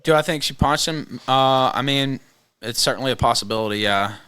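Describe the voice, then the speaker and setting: A man hosting a livestream with casual commentary, speaking hesitantly with pauses. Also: medium pitch, sharp tone, clear, resonant tone, dry recording. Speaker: livestream host.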